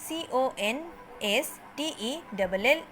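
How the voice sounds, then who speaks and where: A woman teacher gives an online class. She speaks slowly, repeats words and spells letters out loud. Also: high voice, animated. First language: Bengali. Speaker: school English teacher.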